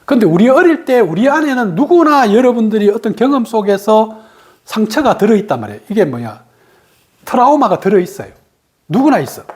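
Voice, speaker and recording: A woman's voice: on the high side, a little mellow. A woman from Korea's region, giving a meditation talk, asking rhetorical questions, answering them herself, and laughing between points. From Gyeongsang region, Korea. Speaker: meditation teacher.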